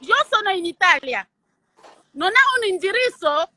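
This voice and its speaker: A woman with a Cameroonian French accent rants on a live stream, taunting and picking a fight while mixing in Italian. Her voice is high and swings widely in pitch. The sound is close and dry, from a phone held near her. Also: very animated, normal speed, sharp tone, no room sound. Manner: taunting and confrontational, slipping into Italian. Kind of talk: heated live-stream rant. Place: at home in Italy.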